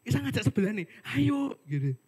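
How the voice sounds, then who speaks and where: A man's voice: high voice, very animated, fairly quick, a little mellow, slightly rough. A young man giving a casual, chatty sermon full of jokey asides and slang. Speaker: worship speaker. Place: online worship service.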